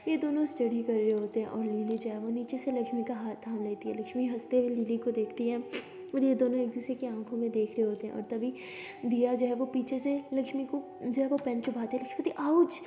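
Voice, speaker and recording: A woman storyteller narrating a romance in a very dark, mellow voice, pitched a bit high. She sometimes drops to a soft whisper. The room is echoey with a long reverb tail. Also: steady tone, fairly quick. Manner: softly dropping to a whisper in intimate scenes.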